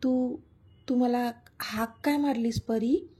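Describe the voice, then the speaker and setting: A lovestruck, teasing young hero from a romance storybook, read by a woman narrator. His lines come soft, slow and tender. The voice sits fairly high, with a warm, breathy tone. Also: fairly even intonation.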